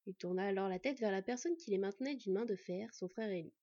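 A woman reading a fantasy story aloud in a steady storytelling manner. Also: mid-range voice, quick pace, no room sound. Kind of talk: scripted fantasy narration. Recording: dull lo-fi, dry.

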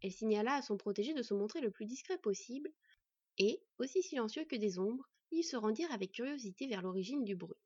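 Warm, breathy female audiobook narrator. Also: fairly high pitch, lively intonation, fast talker, no room sound. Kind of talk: scripted narration. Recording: dull, dry recording.

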